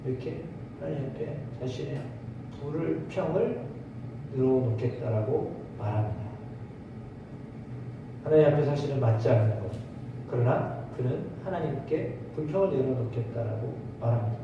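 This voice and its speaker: A man preaching a midweek sermon, speaking out a lament with swelling emotion and then explaining it to the congregation. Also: normal speed. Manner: expressive preaching, voicing the speaker's laments with rising pitch. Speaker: pastor. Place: church sanctuary. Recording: echoey hall, distant mic, dull sound, faint noise.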